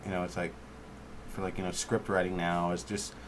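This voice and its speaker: A man's voice: low voice, little pitch movement, brisk, a little hiss or hum. A man co-hosting a casual chat show, rambling with lots of fillers and casual swearing. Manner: rambling, heavy on "like" and "you know", swears casually. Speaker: co-host.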